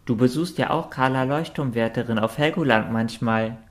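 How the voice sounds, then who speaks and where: A man's voice: medium pitch, normal speed, natural voice. A man reading aloud, voicing a small curious cat-like creature asking questions.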